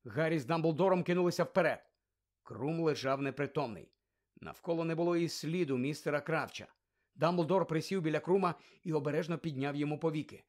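A man narrating an audiobook with lively, expressive reading. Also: on the high side, a little fast.

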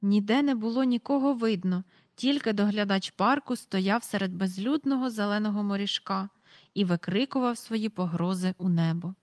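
A woman reading a storybook aloud in calm, even narration. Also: mid-range voice, moderate pace, dry recording, studio quality. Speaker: audiobook reader.

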